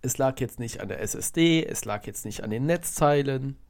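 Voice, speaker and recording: On his casual solo podcast, this host rambles through a football recap while sounding congested from a cold, frequently correcting himself. His mid-range voice is expressive and a little mellow, at a moderate pace.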